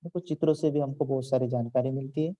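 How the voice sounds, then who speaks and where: Dark-voiced man teaching children. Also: mid-range voice, fairly even intonation, rough recording. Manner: slow, repeats words and explains each sound. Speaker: school teacher. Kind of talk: online Hindi lesson for children.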